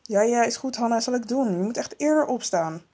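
A busy, caring mum in a toy-figure film, as a woman puts her on, talking in a chatty, hurried way with plenty of fillers. Her voice sits a little high for a woman. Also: expressive, dark tone, husky. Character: busy caring mother of two girls.

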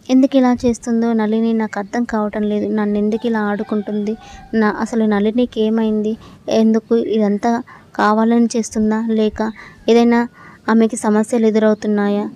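Female narrator for an audio story: mellow, even, steady first-person reading. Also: medium pitch, slight background noise.

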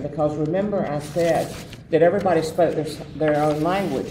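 Fairly high-pitched and mellow, this older man speaks with a Southern US accent as he reminisces in an interview. A former association president, he rambles and uses many fillers, recorded on a distant mic in a roomy space with faint noise.

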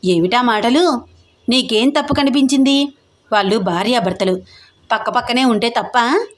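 A woman's voice: a little high, normal speed, close to an everyday voice. Woman doing a stern, bossy grandmother. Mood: angry. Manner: firm, scolding.

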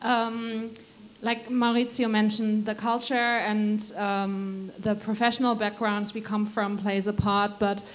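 A woman's voice: medium pitch, level tone, slow, hardly any pauses. A woman from Germany, a researcher adding to a conference panel answer, hesitant with many fillers.

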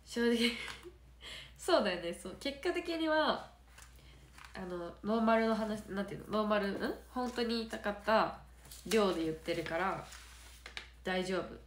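A woman's voice: medium pitch, lively intonation, measured pace, pauses often, a little hiss or hum. Stuffy-nosed woman, nasal and giggly, chatting on a livestream in an echoey room. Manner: chatty and giggly, drifting between soft murmurs and brighter bursts. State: stuffy nose. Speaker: idol trainee on a livestream. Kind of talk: casual livestream chat answering comments. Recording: roomy echo.

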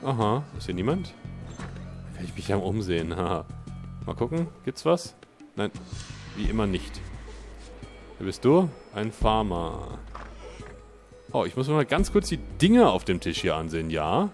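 A man's voice: fairly low pitch, big pitch swings, a little slow, long pauses, faint music behind. Chatty man joking through a game. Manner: chatty and joking, thinking out loud. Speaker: let's play host. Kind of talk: casual gameplay commentary.

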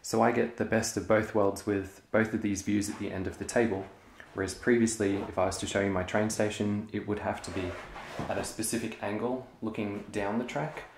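Young man, lowish voice, casual show-and-tell vlogger, echoey carpeted room. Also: a little fast, gravelly, hardly any pauses. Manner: relaxed, chatty, frequent ums. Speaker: LEGO hobby vlogger. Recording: echoey room, faint noise.

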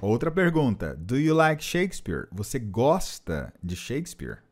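A man's voice: mid-range voice, huge pitch swings, measured pace, noisy background. A man teaching an English lesson, patiently repeating and translating phrases. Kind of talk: explanatory language lesson.

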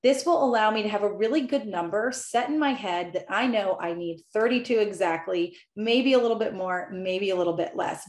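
A woman in her thirties giving an upbeat, scripted software tutorial as a company executive, recorded at home on a webcam. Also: medium pitch. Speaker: software company VP presenting a product. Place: indoor room at home. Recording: echoey room.

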